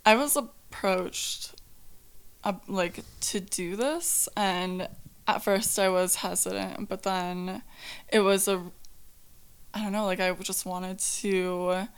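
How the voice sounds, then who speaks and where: A woman's voice: medium pitch, fairly even intonation, takes it slowly, clean tone. A woman in her twenties from Montana, a guest chatting casually in an interview, giggling and filling her speech with "like". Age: 20s.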